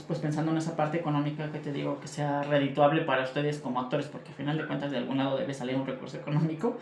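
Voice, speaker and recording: A man's voice: on the high side, a little mellow, a little hiss or hum. A man moderating a discussion, conversational and often checking for agreement. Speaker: moderator and literature teacher. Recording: echoey room.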